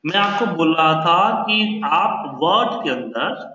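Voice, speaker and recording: A man's voice: fairly high pitch, expressive, takes it slowly, sharp tone, slight background noise. Man teaching with a heavy cave-like echo. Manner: repeats and rephrases explanations step by step. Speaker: computer teacher. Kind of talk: online class teaching. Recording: echoey, dull lo-fi online call audio.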